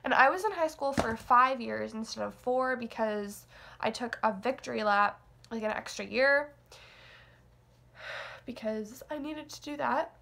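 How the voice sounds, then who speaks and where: A nineteen-year-old woman rambles through a casual confessional vlog, hesitant and full of fillers and self-deprecating asides. Her voice is a little high and pushed and bright, with vocal fry, and she keeps a measured pace.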